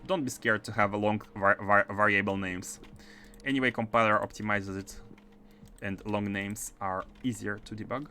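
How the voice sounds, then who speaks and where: A game streamer with a mixed Russian and French accent gives chatty, filler-heavy commentary as he plays, breaking into bursts of excitement. His voice is on the low side at a moderate pace, with faint music behind him.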